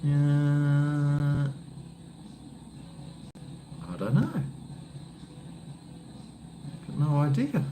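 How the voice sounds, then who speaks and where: On his livestream, an Australian-accented cooking vlogger chats to viewers in an easygoing, rambling, blokey manner, with faint background noise. His medium-pitched voice is expressive and measured in pace.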